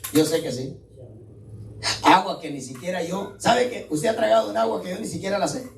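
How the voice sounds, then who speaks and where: Conversational preacher in an echoey hall. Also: male voice, high-pitched, moderate pace, distant mic, noisy background. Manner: conversational, keeps checking in with the congregation. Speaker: pastor. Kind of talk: sermon. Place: church hall.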